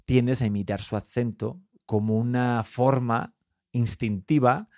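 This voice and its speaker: A man's voice: mid-range voice, fairly even intonation, measured pace, darkish tone, no echo, studio quality. A man with a Spanish accent, a podcast co-host musing in casual chat with asides and restarts. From Spain.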